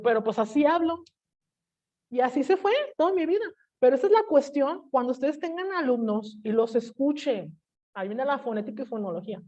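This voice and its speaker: Mexican woman, teacher, lively storytelling, fairly high voice, lo-fi online audio. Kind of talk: online class lecture with personal story.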